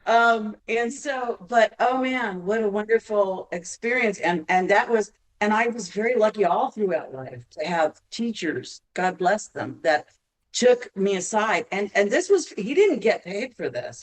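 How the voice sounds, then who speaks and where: A woman from Arizona, a singer guest on a podcast, telling long stories with halting restarts. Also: mid-range voice, recorded from a distance, low-quality recording. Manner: halting, many restarts, laughs while telling. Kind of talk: podcast interview storytelling.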